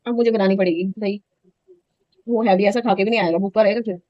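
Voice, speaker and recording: A woman's voice: mid-range voice, fairly even intonation, fast, no room sound, highs cut off. A woman in her thirties chatting casually in a home vlog, telling a story in an indignant, talkative way. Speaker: vlogger.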